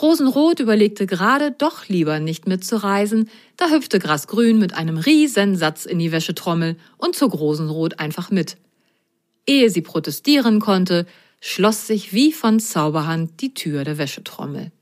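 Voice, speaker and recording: A woman narrating a children's story in a gentle, clearly spoken way. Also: mid-range voice, animated, moderate pace.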